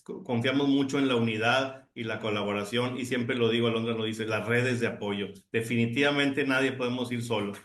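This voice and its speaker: A middle-aged Honduran man co-hosts a casual podcast, chatting enthusiastically and often restarting his sentences. His voice is mid-range with a fairly bright tone, and it sounds roomy.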